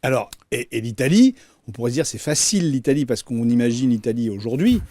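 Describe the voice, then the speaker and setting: A man's voice: mid-range voice, animated, fast, warm tone. A man hosting a business interview, asking probing questions in a conversational way. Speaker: interview host. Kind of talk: casual interview talk.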